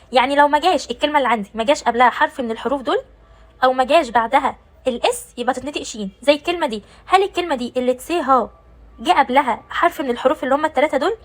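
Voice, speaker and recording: A woman's voice: high-pitched, low-quality recording. A woman with an Egyptian Arabic accent teaching German pronunciation, explaining step by step and answering her own questions. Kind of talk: pronunciation lesson.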